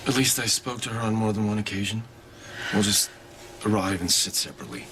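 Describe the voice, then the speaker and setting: A wary, scheming man, played by an actor, with a very deep, low voice. He talks in a guarded, careful way. The TV soap audio has a clear hiss of noise under it. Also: a little fast, natural voice. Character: cautious scheming man, middle-aged. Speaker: scheming businessman.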